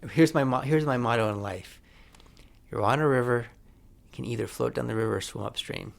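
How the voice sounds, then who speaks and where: A man in his forties, a film director talking as a podcast guest, thoughtful and searching, with pauses and restarts. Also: medium pitch, gravelly. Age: 40s. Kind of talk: reflective conversation.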